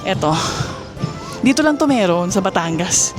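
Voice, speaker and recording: A woman's voice: medium pitch, animated, moderate pace, music in the background, poor audio. A Filipino woman chatting casually to her viewers as she walks through a busy outdoor mall, recorded on a handheld phone. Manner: chatty, keeps addressing viewers as guys; raises her voice to be heard over the crowd. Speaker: vlogger giving a mall tour. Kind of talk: casual walking vlog.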